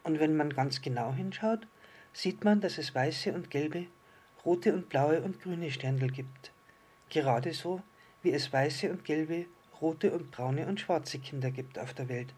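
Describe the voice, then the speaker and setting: A man voicing a patient, kindly island fish who calmly explains things in a storybook reading. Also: on the high side, unhurried, husky. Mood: gentle. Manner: calm, explaining, gently teasing.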